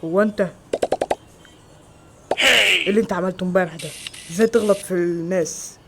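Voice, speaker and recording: A man with an Egyptian Arabic accent acting several everyday roles in a homemade skit, with quick, exclamatory lines. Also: sits high, vocal fry, background noise. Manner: quick, loud, exclamatory dialogue. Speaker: amateur actor.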